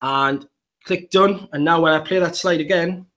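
A man's voice: on the high side, moderate pace, a bit bright. A man with a Geordie accent, a primary school teacher, walking through an app demo step by step in an upbeat way. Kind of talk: live app demonstration.

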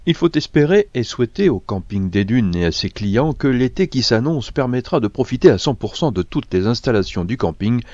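A man reading a scripted news voice-over in a measured, even manner. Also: medium pitch, no room sound, dull audio. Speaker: news narrator.

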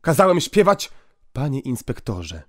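A man voicing a stern, strong male priest and school prefect in an audiobook, calm and cold, gruff when he scolds. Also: mid-range voice, moderate pace, no room sound, studio quality, close to an everyday voice.

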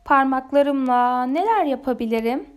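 A woman's voice: high-pitched, expressive, normal speed, clear, resonant tone. A woman voicing a cheerful, playful fish with fingers in a children's storybook reading. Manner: playful, teasing.

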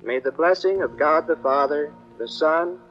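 A priest from Kansas preaches in a measured, solemn way, ending in prayer and blessing. His voice sits a little high for a man. It comes through an old, muffled 1950s radio recording with faint music underneath. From Kansas, United States. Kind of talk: sermon.

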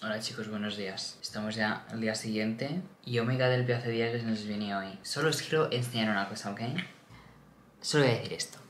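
A man's voice: lowish voice, steady tone, quick pace, few pauses, a bit bright, slight background noise. A young man, vlogging casually to camera, chatty and self-mocking, dropping in English phrases. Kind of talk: casual vlog chat to camera. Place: at home. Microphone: compact camera mic.

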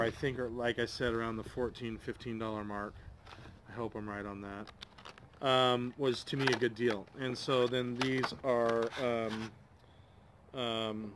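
A DIY channel host in his forties does a casual tool review at an outdoor table, rambling and hesitant as he thinks aloud with many ums. His voice is medium-pitched, with background noise.

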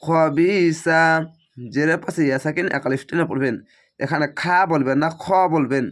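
A man teaching Quran recitation, breaking words into syllables and repeating them slowly, with a Bangladeshi Bengali accent. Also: on the high side. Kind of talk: spelling-out Quran recitation lesson.

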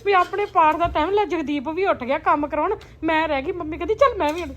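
A middle-aged woman with an Indian Punjabi accent, telling family stories casually in an animated, exclamatory way. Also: extremely high pitch, quick pace. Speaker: mother in a family vlog. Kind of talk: casual family chat and storytelling. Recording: noisy home recording with ambient sound.

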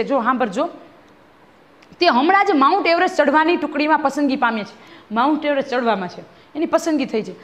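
Brief: woman teacher, fast reader, high voice, explains each line to the class. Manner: reads a line then re-explains it, often asking "બરાબર છે?". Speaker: schoolteacher. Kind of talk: classroom reading and explaining a textbook lesson.

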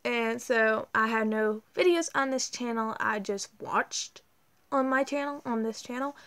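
A young woman with a drawl chats straight into her tablet camera at home, rambling and excitable, her sentences full of ums and likes. Her voice sits a little high. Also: a little slow. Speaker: vlogger. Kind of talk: casual chat to camera. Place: indoors at home, dim room. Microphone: tablet camera held close.

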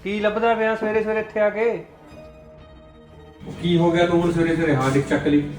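A man plays a wary friend in a homemade family drama who keeps asking questions. He speaks quickly in a flat, even voice. The room echoes, and music plays behind him. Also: sits high, natural voice. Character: wary young friend dragged along. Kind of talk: Punjabi family web drama.

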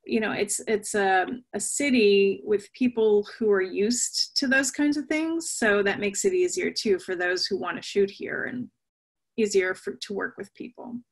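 A middle-aged woman, an author and guest, answering interview questions thoughtfully over a video call from a home room, pausing with fillers and restarting her sentences. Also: medium pitch, lively intonation. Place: home room with bookshelves and shuttered windows. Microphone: laptop webcam on a video call.

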